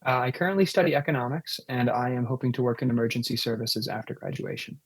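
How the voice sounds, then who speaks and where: A twenty-four-year-old man, a peer support worker, chatting on a podcast in a relaxed way. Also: mid-range voice, fast talker, creaky, slightly rough, dry recording. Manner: relaxed, with "uh" and "you know" fillers. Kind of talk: casual podcast chat.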